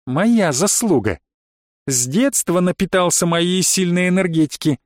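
A man's voice: high voice, lively intonation, measured pace, no room sound. A man voicing a scheming stepmother who talks in a sweet, sing-song, mocking way.

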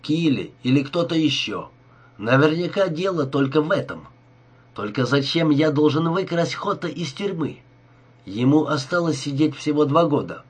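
Sneering crook, ironic, husky, man reading in an audiobook. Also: a little high, animated, moderate pace. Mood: scornful. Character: cold, scheming male crook, sarcastic.

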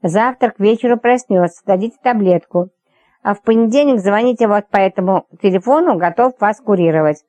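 A woman's voice: medium pitch, a little fast, mellow, no room sound, natural voice. A woman reading an audiobook, voicing a stern, blunt male doctor who speaks matter-of-factly.

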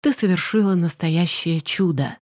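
A woman's voice: on the low side, moderate pace, darkish tone. A woman voicing a commanding, exasperated young emperor in an audiobook, with a reproachful manner. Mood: stern. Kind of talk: audiobook character reading.

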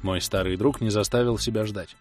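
A man's voice: on the low side, steady tone, brisk, faint music behind. A man narrating a first-person audiobook in a dry, wry way.

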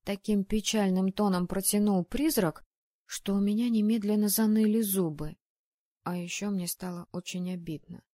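A woman reading a first-person audiobook in a lively, expressive way. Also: mid-range voice, moderate pace, dry recording. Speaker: audiobook narrator.

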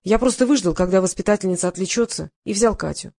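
A man's voice: sits high, fast talker, gravelly, a little mellow, no echo. A woman reading an audiobook, voicing a guilt-ridden middle-aged male psychotherapist who mumbles defensively through his confession. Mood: confessing.

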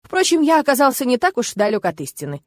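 A woman voicing a gruff, protective middle-aged father who grumbles scornfully in an audiobook. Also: high-pitched, very animated, fast talker, dry recording, voice pushed up. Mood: agitated. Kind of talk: audiobook character voice.

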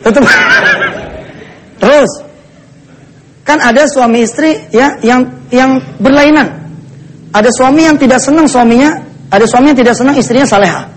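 A man's voice: extremely high pitch, normal speed, long pauses, slight background noise. A man preaching a dawn sermon, joking and teasing his listeners. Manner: joking, playful asides to the audience. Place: mosque.

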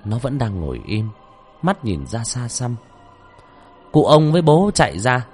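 A male storyteller tells a ghost tale in a lively, swinging voice. He shouts out names when the tension peaks. Soft music plays faintly behind him. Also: mid-range voice, a little slow, husky. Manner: shouts out names during tense scenes. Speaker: storyteller and host. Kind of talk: dramatic horror story narration.

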